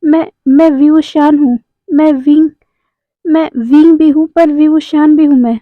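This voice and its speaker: A woman voicing a pleading, earnest young man in love, who talks haltingly and repeats his words. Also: high-pitched, steady tone, no echo. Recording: dry, tinny phone-like sound.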